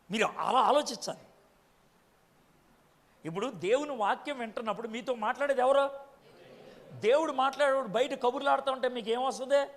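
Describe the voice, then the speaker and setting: Man, preacher, sermon, questions the congregation, long reverb. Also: very high voice.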